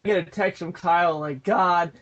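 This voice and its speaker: A man's voice: high-pitched, fairly quick, highs cut off. A man co-hosting a gaming podcast, talking loosely and rambling with many fillers. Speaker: podcast co-host. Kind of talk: casual chat.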